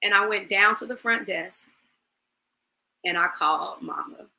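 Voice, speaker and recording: A woman in her forties speaking as a guest, her tone bright and forceful. She tells her own story with feeling and acts out the lines of the people in it. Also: medium pitch, unhurried, gravelly, poor audio. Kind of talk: personal testimony in an online talk show.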